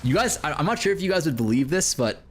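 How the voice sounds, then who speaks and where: A man's voice: a little high, very animated, fast talker. A man streaming a game live, chatting casually, cursing and joking while he reads out chat messages.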